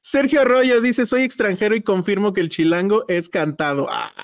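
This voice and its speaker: A man's voice: sits high, normal speed. A man hosting a casual film podcast, teasing his co-host and reading out listener comments. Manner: teasing, laughs often, reads comments aloud.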